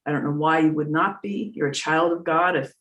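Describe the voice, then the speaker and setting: A middle-aged woman, a spiritual teacher and medium, answers questions in a casual, earnest, emphatic conversational way. Her low voice is fairly even in intonation, a little fast, and a bit bright. The internet call sounds echoey, with a distant mic.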